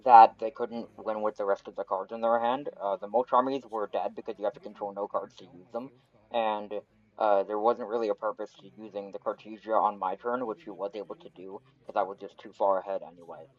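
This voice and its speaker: A man's voice: fairly low pitch, steady tone, fairly quick. A man giving a casual recap as a video host, recorded on a poor, cheap microphone. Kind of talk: casual vlog voice-over recap. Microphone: cheap substitute microphone, close and dry. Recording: dull cheap-microphone sound.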